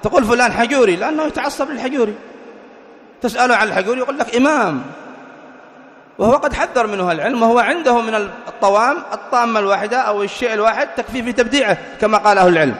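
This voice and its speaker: A man's voice: extremely high pitch, very fast, fairly bright tone, in a large hall. A man giving a religious lecture, asking rhetorical questions and answering them himself. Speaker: preacher.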